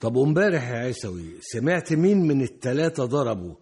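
A stern, husky Egyptian police officer. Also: male voice, mid-range voice, big pitch swings, fast talker, darkish tone. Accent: Egyptian Arabic. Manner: firm, questioning.

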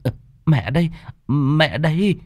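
A man's voice: fairly high pitch, expressive, slow pace, dry recording, clean studio sound, pitched above the performer's own voice. A man voicing an anxious, doting mother who fusses and stammers. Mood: worried. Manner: stammering, fussing.

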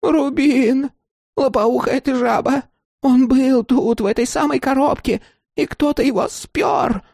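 A man reading a story aloud and voicing a greedy, sharp-tongued old woman who snaps impatiently. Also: very animated, measured pace, creaky, no room sound, studio quality, heavily acted. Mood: furious. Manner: shrill, snapping, impatient.

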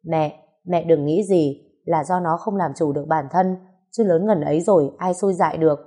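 A woman's voice: low voice, normal speed, dark tone. Woman voicing a blunt middle-aged son. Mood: persuading. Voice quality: earnest, persuasive.

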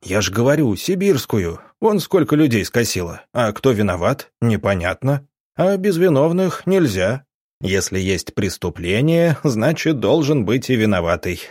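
Man doing a booming, menacing police chief. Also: very animated, normal speed, darkish tone, no room sound, studio quality. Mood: threatening. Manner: booming threats, harsh and mocking. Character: gruff male police chief, menacing interrogator.

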